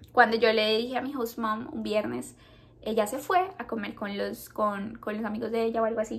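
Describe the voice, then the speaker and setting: A woman's voice: fairly high pitch, a bit bright. Emotional Colombian woman telling her story. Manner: halting, repeats words, near tears. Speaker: vlogger.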